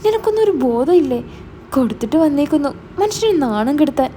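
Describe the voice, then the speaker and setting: A woman's voice: sits high, big pitch swings, quick pace, warm tone, slight background noise, pitched above the performer's own voice. A woman voicing a stern young older brother who questions his sister suspiciously. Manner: stern, interrogating.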